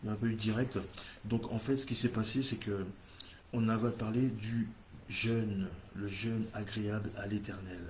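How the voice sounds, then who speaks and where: A man's voice: fairly low pitch, level tone, normal speed, darkish tone, a little hiss or hum. A man with an English-speaking accent hosting a church livestream, leading a fervent, repetitive prayer in French. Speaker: church host.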